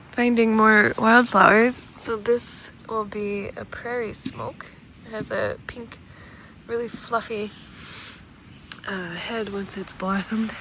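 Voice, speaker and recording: A woman hosting a vlog, talking casually as she narrates, in a noisy on-location recording. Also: mid-range voice. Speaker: vlog host.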